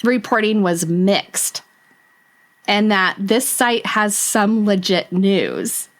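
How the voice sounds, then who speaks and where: A woman's voice: mid-range voice, animated, takes it slowly. A woman co-hosting a podcast in casual chat, laughing often as she reads out articles. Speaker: podcast co-host.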